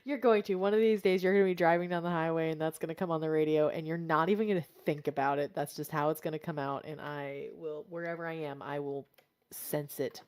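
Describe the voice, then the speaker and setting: Lowish-voiced woman, playful streamer banter. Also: fairly even intonation, quick pace, darkish tone, clean tone. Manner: playful, teasing. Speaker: livestream gamer. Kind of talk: casual gaming chat.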